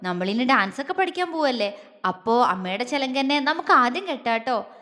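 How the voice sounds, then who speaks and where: A woman's voice: high-pitched, big pitch swings, moderate pace. A woman doing a doting, teasing young husband. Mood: tender. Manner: soft, affectionate, coaxing. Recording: long reverb.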